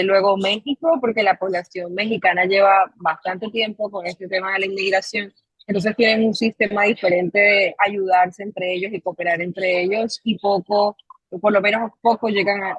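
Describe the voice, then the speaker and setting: Husky-voiced coastal woman. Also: lowish voice, no room sound, poor audio. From Colombia, Caribbean coast. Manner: measured, with frequent pauses and fillers. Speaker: psychologist and mindfulness coach, guest. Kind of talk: interview guest, reflective storytelling.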